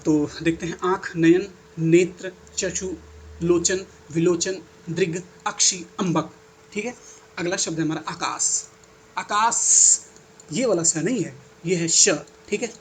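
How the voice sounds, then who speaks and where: Young man, teacher type, slightly high voice, reads lists with chatty enthusiasm, faint hiss behind. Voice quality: enthusiastic, chatty asides between listed words. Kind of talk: exam-prep lesson reading out word lists.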